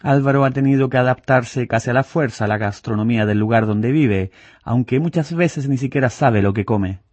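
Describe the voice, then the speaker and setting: A man narrating a news report in a measured, scripted voice-over. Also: mid-range voice, a little mellow, dry recording.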